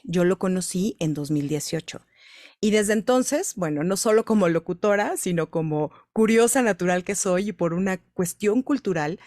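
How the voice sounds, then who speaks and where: A woman's voice: mid-range voice, no echo, clean studio sound. A woman from Mexico City with a Mexican accent, a voice-over artist giving a conference talk and questioning the audience directly.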